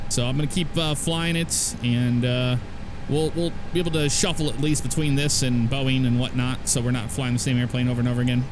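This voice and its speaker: A man's voice: on the high side, noisy background. A man giving casual, informal commentary on flight simulator gameplay, addressing his viewers directly.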